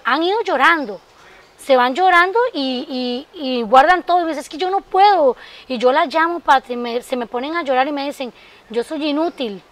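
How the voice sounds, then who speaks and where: A woman guest on a TV interview with a very high voice. As a sewing workshop teacher, she speaks in a heartfelt, emphatic way and often calls the host by name. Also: fairly bright tone. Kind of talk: interview answers.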